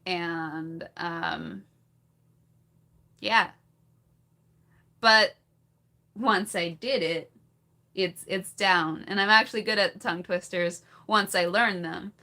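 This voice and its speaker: A woman's voice: fairly low pitch, steady tone, slow, long pauses, pushed and bright. A woman hosting a casual livestream who laughs often, chats with viewers and tries tongue twisters. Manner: giggly, chatty, reads chat and tries tongue twisters. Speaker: livestream host. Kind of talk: casual livestream chat with singing.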